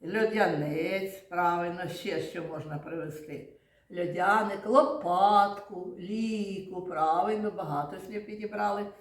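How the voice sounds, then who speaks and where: A woman's voice: fairly low pitch, steady tone, a little slow, echoey room. A woman kindergarten teacher leading young children through a lesson, patiently asking questions, praising answers and spelling out sounds and syllables.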